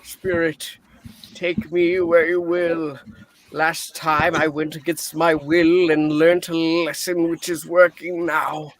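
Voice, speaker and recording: A woman playing Ebenezer Scrooge, a frightened old miser, in an amateur play reading, slow and halting. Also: deep voice, little pitch movement. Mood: resigned.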